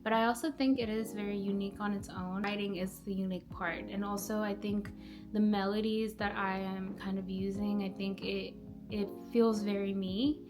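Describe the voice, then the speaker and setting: A woman's voice: mid-range voice, little pitch movement, moderate pace. A young woman from Nepal, a musician, talking casually about her music with lots of filler words. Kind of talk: casual self-introduction. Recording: music playing behind.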